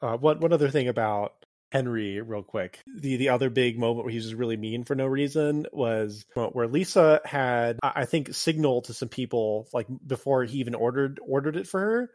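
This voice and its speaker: A man co-hosting a podcast in casual chat, animated and joking, quick to laugh. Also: mid-range voice, dry recording, clean studio sound. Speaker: podcast co-host.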